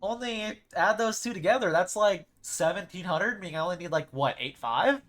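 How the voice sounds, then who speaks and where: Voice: medium pitch, expressive, moderate pace, fairly bright tone. A streamer rambling and thinking aloud over live gameplay in casual chat.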